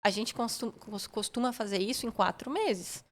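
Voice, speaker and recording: A woman's voice: medium pitch, normal speed. A woman guest on a podcast, explaining customer service methods step by step and often checking in with the listener. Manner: methodical, often tags phrases with "né?". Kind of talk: explanatory interview talk.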